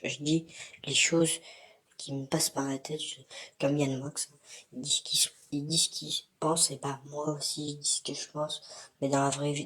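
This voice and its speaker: A man's voice: fairly high pitch, fairly bright tone. A man talking through a voice-disguising filter, rambling frankly to his community with many hesitations, from his bathroom. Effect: voice disguised with an altering filter. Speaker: YouTuber addressing his community. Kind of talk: casual rambling vlog.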